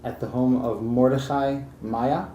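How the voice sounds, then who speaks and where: A man's voice: mid-range voice, steady tone, unhurried, warm tone, muffled recording. Man interviewing in an echoey room. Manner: patient, repeats answers back to confirm. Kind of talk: oral history interview. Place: private home. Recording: echoey room with faint background noise.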